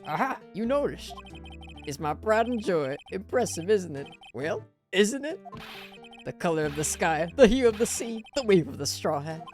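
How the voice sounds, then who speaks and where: Woman voicing a stuffy older lawyer man, throat-clearing, evasive, low voice, game music behind. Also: animated, moderate pace, a little mellow. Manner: fussy, clears throat, hems and haws.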